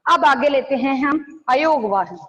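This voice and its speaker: Lady teacher, high voice, dull lo-fi sound with long reverb. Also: lively intonation, a bit bright. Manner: slow, question-and-answer teaching, answering her own questions. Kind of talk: online class lecture.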